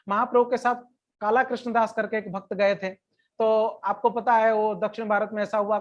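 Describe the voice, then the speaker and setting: A woman at a middle pitch tells a sacred story in an easy, conversational lecture, and now and then slows down to recite verse. The recording is slightly muffled and lo-fi. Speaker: devotional scripture lecturer.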